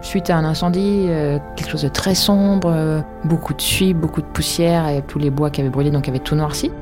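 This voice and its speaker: A woman's voice: low voice, fairly even intonation, fairly quick, music in the background. A woman in her forties from Paris, an archaeologist guiding visitors and talking with frequent hesitations. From Paris, France. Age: 40s. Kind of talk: guided tour interview.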